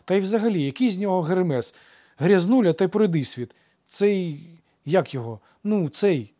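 A man's voice: animated, moderate pace, warm tone, husky. A man reading aloud and voicing quarrelsome young twin boys in a raised, childish voice with a heated manner. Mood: scornful. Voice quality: high, childish. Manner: heated and indignant. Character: cheeky quarrelsome young boy twins.

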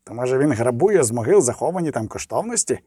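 A man voicing a gruff, suspicious male dwarf in an audiobook, with animated, wry delivery. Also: mid-range voice, fast talker, dry recording, studio quality. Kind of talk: audiobook character reading.

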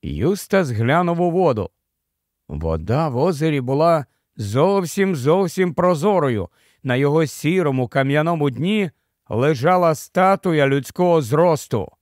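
A man narrating an audiobook in a measured storytelling manner. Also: a little high, animated, a little mellow, no room sound, clean studio sound. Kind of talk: scripted narration.

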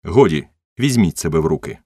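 A man voicing a gruff, commanding rich man. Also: low voice, lively intonation, a little fast, dark tone, dry recording, clean studio sound, exaggerated voice. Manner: gruff, domineering. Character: rough, commanding wealthy man.

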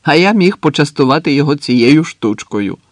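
A man voicing an eager, hot-headed male anarchist soldier who shouts boisterously in an audiobook. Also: fairly high pitch, expressive, normal speed, no echo, studio quality, pitched above the performer's own voice.

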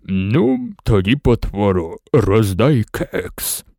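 Storybook lion, drowsy and growly, very deep booming voice, slow drawl, voiced. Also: male voice, huge pitch swings, vocal fry, darkish tone, dry recording, studio quality, exaggerated voice. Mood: sleepy, lazy. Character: sleepy lazy lion with a deep booming bass.

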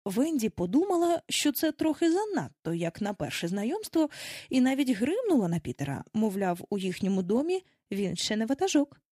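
A woman narrating an audiobook in an expressive, lively storytelling manner. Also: fairly high pitch, moderate pace, slightly rough, no echo, studio quality.

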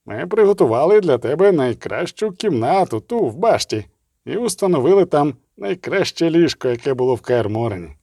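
A man voicing an old, gentle mentor in an audiobook, speaking slowly and in a fatherly way. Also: on the high side, big pitch swings, no echo, studio quality. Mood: kindly.

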